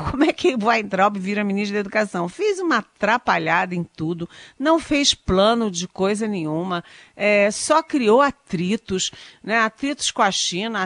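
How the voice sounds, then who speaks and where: Woman commentator, ironic and emphatic, dry close sound, middle pitch. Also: dry recording. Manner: ironic, emphatic, repeats herself with fillers. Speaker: political commentator. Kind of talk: radio political commentary.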